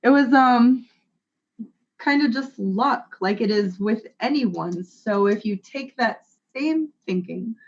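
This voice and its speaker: A woman's voice: fairly high pitch, expressive, slow pace. A woman from the United States speaking earnestly in a casual online panel discussion, sometimes restarting mid-sentence. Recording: muffled web call audio.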